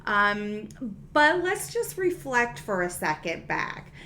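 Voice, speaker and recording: A woman talks through her review of a TV episode in a loose, chatty way at a middle pitch. She fills her talk with "um" and "you know", restarts her sentences and slips into quoting characters. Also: very animated, takes it slowly, pushed and bright, a little hiss or hum. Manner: chatty, many fillers and restarts, acts out quotes. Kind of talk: casual spoken review.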